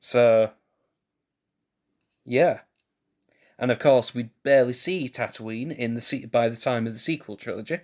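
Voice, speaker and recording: A young male streamer chats slowly at a middle pitch, taking his time. He thinks aloud in a relaxed way, often correcting himself mid-sentence and laughing lightly at his own slips. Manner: musing, thinks aloud with restarts and self-corrections; laid-back, chuckles at himself. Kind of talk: casual live-stream chat while building.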